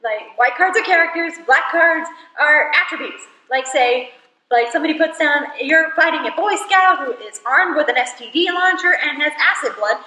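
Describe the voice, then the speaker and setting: A woman's voice: high-pitched, lively intonation, normal speed, sharp tone. A young woman hosting a casual card game at home, giggly and rambling as she explains the rules. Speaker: host of a card game video. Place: home living room. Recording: echoey room, mic at a distance.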